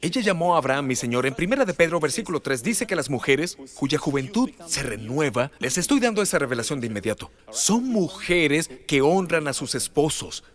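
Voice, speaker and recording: A middle-aged man preaching a sermon as pastor, animated and rising loud for emphasis. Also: fairly high pitch, fairly quick, few pauses.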